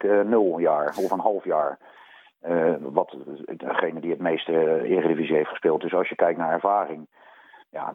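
A man speaking as a sports coach in an unscripted interview, colloquial and halting, often repeating words as he explains. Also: low-pitched, no echo, phone-quality sound. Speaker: volleyball coach. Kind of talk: radio interview, unscripted analysis.

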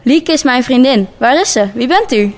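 A woman's voice: sits high, animated, normal speed, voice pushed up. A woman voicing a worried, stubborn teenage girl who talks urgently. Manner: urgent, insistent.

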